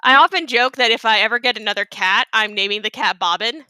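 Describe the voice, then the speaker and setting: A woman's voice: fairly high pitch, fast, sharp tone, clean tone, no echo. A woman giving casual, chatty live commentary on her own game run, with playful asides.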